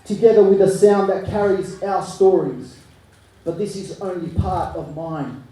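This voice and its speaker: A man, performing spoken word poetry live with a rhythmic, rhyming delivery that swings between hushed and forceful. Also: high-pitched, a little slow. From Chile. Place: live arts venue. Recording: echoey room, mic from far off.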